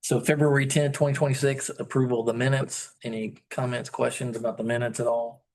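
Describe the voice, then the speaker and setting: A man presiding over a town council meeting, calling agenda items and votes in a relaxed, polite way. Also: medium pitch, low-quality recording. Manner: relaxed and polite, moves items along briskly. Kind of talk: procedural meeting chairing.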